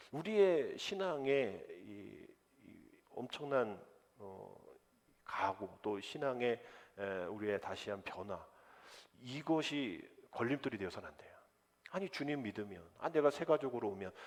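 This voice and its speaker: Lowish male pastor preaching in a hall. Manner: lively preaching that acts out quoted voices. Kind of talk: sermon. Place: church sanctuary. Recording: long church hall reverb.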